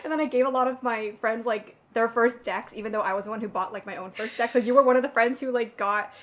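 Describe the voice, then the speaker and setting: Relaxed woman hosting a casual chat. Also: on the high side, fast talker. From Southern California. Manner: relaxed, chatty, reads prompts aloud. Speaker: host.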